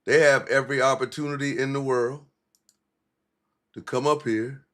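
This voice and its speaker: A man's voice: mid-range voice, steady tone, moderate pace, fairly bright tone. A man hosting a livestream, giving blunt, profane, mocking commentary in casual street talk.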